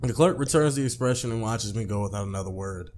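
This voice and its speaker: Speaking fast in a fairly low, slightly mellow voice, a man reads a visual novel aloud while hosting a let's play. He chats along with casual asides, often stumbling and repeating phrases.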